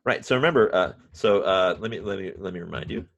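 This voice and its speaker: A man teaching a university math class remotely, halting often with restarts and fillers, and dropping wry, self-mocking asides. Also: low-pitched, vocal fry, fairly bright tone, no echo, dull audio. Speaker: math professor.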